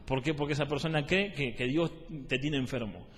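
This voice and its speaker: A man's voice: medium pitch, brisk, fairly bright tone. A man with a Rioplatense Spanish accent teaching a discipleship sermon, repeating his points and asking the listeners whether they follow. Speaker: preacher. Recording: long hall reverb.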